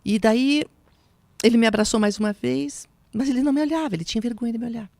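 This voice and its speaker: A woman telling an emotional personal testimony, slipping into soft whispers and a preaching tone. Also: on the high side, fast talker, creaky, no echo. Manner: emotional, drops to soft whispers when recounting quotes; preaching tone on spiritual points. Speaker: guest giving testimony.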